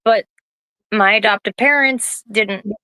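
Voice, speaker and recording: A nervous woman in her late twenties, an interview guest who talks in a halting way, with many restarts. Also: medium pitch, bright, forceful tone, clean tone, no echo, low-quality recording. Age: 20s. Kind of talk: personal interview.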